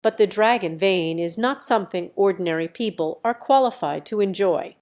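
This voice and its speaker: Woman reading old country healer, sly, gruff, scolding, audio story. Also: medium pitch, moderate pace, a little mellow, close to an everyday voice.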